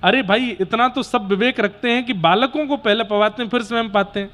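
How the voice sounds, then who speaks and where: A man's voice: high voice, a bit bright. A man telling devotional stories as a preacher in a sermon, addressing a gathering. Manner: unhurried, preaching to a gathering, breaking into devotional song. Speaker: katha preacher.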